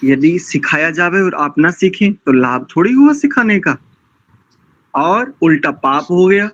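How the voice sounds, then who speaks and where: A man teaching mantra recitation, chanting each verse slowly and deliberately before explaining the correct pronunciation. His voice sits a little high for a man and sounds dull and lo-fi. The recording is dry. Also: expressive, fairly bright tone, no echo. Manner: admonishing, didactic.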